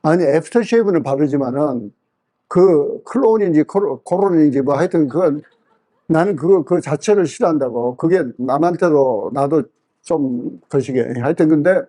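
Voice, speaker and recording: Male pastor, revival sermon, fairly high voice, mellow tone, storytelling, acts out quotes. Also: lively intonation, moderate pace. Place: church revival meeting.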